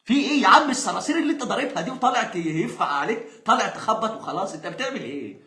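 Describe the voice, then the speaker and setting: Egyptian guy venting, super fast, sarcastic, kinda high pitched. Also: pushed and bright. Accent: Egyptian Arabic. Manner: exasperated, sarcastic, laughs mid-rant. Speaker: football fan vlogger. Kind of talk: angry ranting monologue. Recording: roomy echo.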